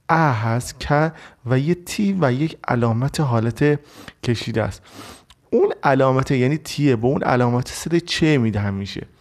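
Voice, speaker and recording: A male teacher gives a recorded vocabulary lesson. His voice moves up and down freely as he explains each word step by step, and he slows right down to read the English examples. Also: mid-range voice, a little mellow.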